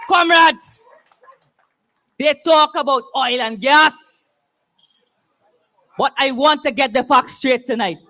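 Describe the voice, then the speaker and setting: Male Guyanese political orator, fiery and impassioned, shouted delivery, bright forceful tone, measured slow pace. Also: very high-pitched. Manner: fiery, impassioned, revolutionary call-to-action oratory; shouting much of the time. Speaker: political speaker at a rally. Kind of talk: fiery political rally speech. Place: public political meeting, speaking to a crowd.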